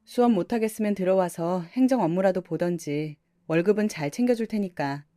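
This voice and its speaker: A woman's voice: medium pitch, fairly quick, mellow, no echo, studio quality, close to an everyday voice. A woman voicing an arrogant husband who runs a private academy and mocks his younger brother. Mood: scornful. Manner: mocking and condescending.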